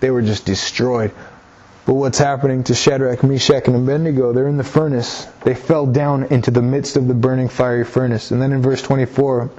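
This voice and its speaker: A man's voice: medium pitch, fairly even intonation, a little fast, mellow. A man preaching a sermon, reading scripture and explaining it, earnest, often repeating himself as he urges his listeners on. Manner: earnest, repeats phrases, exhorts listeners directly. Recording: slightly dull lo-fi recording.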